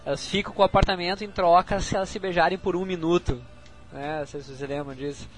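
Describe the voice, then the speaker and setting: A man co-hosting a podcast, chatting in a relaxed, agreeable way. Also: high-pitched, quick pace, faint music behind. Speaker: podcast co-host. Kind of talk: casual chat.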